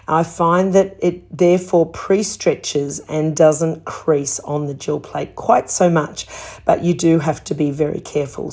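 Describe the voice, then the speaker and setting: Woman, hoarse, low-pitched, slow and steady, gentle craft tutorial narration. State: hoarse from laryngitis. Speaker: art tutorial host. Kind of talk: calm craft demonstration voice-over.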